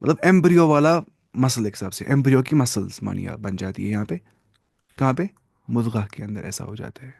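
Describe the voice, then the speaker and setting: A man teaches a classroom lesson on hadith, questioning his listeners and repeating key terms as he explains. His mid-range, slightly mellow voice has vocal fry, recorded at studio quality with no room sound.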